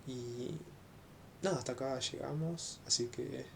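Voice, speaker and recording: A young man giving an informal, unhurried explanation of a book chapter, pausing often with fillers as a teacher-training student. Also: medium pitch, vocal fry, a bit bright, a little hiss or hum.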